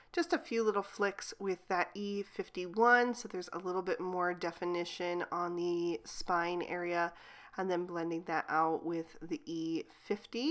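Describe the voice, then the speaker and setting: A woman with a lowish voice, slightly hoarse from a cold, hosts a craft channel and narrates a card-making coloring tutorial, calmly explaining it step by step.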